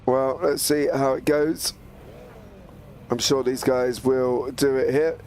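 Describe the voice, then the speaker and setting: Hoarse from a recent bout of flu, a male sim racing commentator talks through the live action with eager play-by-play. The mid-range voice moves slowly, and there's a little hiss or hum in the recording.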